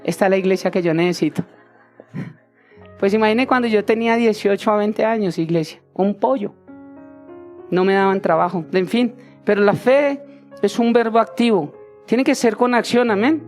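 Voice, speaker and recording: A pastor in his forties preaches with animated storytelling, slipping into the voices of the people in his tale. Faint instrumental music plays softly behind him. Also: sits high, normal speed, long pauses. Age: 40s. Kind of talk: sermon.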